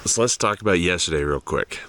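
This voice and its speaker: A man's voice: low-pitched, expressive, fairly quick, fairly bright tone, a little hiss or hum. A man chatting casually as an overlanding vlogger, easygoing and full of fillers. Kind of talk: casual vlog narration. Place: outdoors on mountain trails and in a garage.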